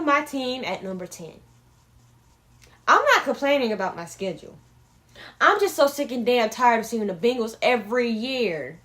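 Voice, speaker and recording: A woman's voice: a little high, fairly bright tone. A young woman hosting a casual sports show, talking bluntly and swearing often as she gives her opinions. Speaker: sports podcast host.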